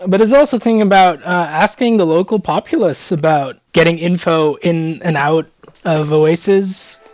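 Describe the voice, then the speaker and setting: A young adult playing a tabletop game in a lively, amused way. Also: medium pitch, normal speed, dry recording. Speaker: player. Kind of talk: casual tabletop play.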